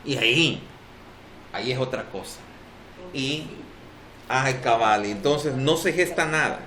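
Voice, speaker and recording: A man with a Salvadoran Spanish accent preaches a sermon as pastor at a church service, emphatic and drawing responses from the congregation. His medium-pitched voice is expressive, bright and forceful, and he takes his time.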